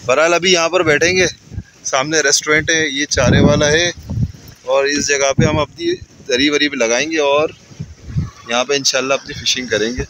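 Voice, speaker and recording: A man's voice: on the high side, fairly even intonation, normal speed. Karachi man in his 30s, casual vlogger narrating on the go, noisy outdoor sound. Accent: Karachi Urdu. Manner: chatty, explains as he goes. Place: outdoors, in a car and by the sea. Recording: noisy outdoor street and sea ambience.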